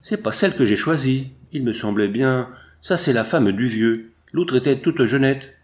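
A man voicing a loud, panicked Irish prospector. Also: mid-range voice, animated, moderate pace, lightly acted.

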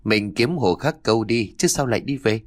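A man's voice: mid-range voice, normal speed, no room sound, clean studio sound, close to an everyday voice. A man voicing Hồng, a brash young married man who complains at his friends in a ghost story. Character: pushy young married man, fishing buddy.

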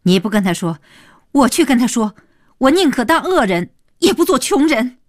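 A woman voicing a pregnant young wife in an audiobook, speaking loud, high and defiant. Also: sing-song, normal speed, dry recording, clean studio sound. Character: angry pregnant young wife, fierce and tearful. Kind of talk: audiobook character voice.

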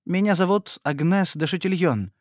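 A man's voice: sits high, lively intonation, moderate pace, no echo, pitched above the performer's own voice. Brusque, impatient young country woman in a storybook, voiced by a male reader, somewhat raised, dry sound. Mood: stern. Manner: blunt, commanding.

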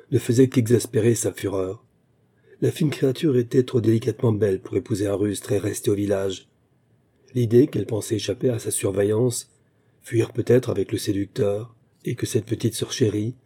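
A man narrates a short story in a slow, measured reading. His voice is low, very dark and mellow, with a husky grain. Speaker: audiobook narrator.

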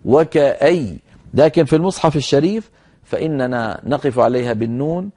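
Mellow-voiced man teaching Quran recitation. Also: mid-range voice, lively intonation. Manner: measured explanations, slowly modelling recited words; addresses listeners directly as brothers. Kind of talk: broadcast tajweed lesson.

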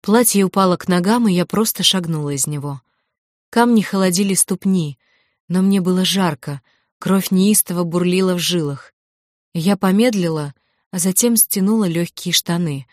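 A woman reading a first-person audiobook in a measured, tense storytelling manner. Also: fairly low pitch, no echo, clean studio sound. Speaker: audiobook narrator.

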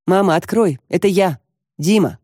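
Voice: medium pitch, moderate pace, darkish tone, no room sound, studio quality, lightly acted. Reader playing a brooding middle-aged son. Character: troubled grown son, middle-aged man.

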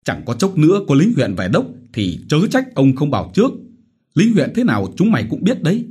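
A man voicing a brutal, bullying village chief who shouts threats and curses. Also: fairly high pitch, wildly swooping pitch, fairly quick, breathy edge, voice pushed up, heavily acted. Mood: threatening.

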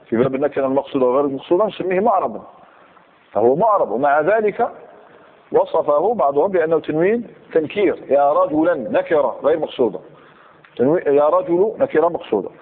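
A man lectures a grammar class, questioning his students and repeating each example. His voice sits a little high and swings lively up and down. The recording is thin and phone-like, with birds cooing in the background. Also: quick pace. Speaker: teacher of Arabic grammar.

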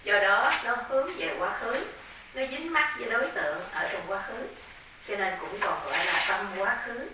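Buddhist nun lecturing in an echoey hall. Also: female voice, medium pitch, animated. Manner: measured, explanatory, spelling out terms. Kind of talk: dharma lecture. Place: large temple hall. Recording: echoey hall, distant mic, faint hiss.

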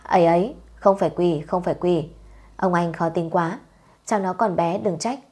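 A sugary, two-faced rich mother-in-law from a storybook, sweet on the surface and cutting beneath. A woman voices her with a low, husky tone. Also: steady tone, moderate pace, a little mellow.

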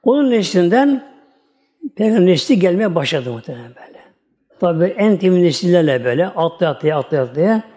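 Religious teacher guy, highish soft mellow voice, folksy storytelling talk, repeats himself a lot. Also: very animated, brisk. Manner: folksy, repetitive retelling.

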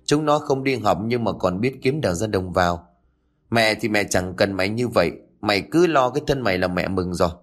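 Man doing a pleading gentle mother. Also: on the low side, big pitch swings, quick pace. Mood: pleading reproach. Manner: soft, reproachful, pleading.

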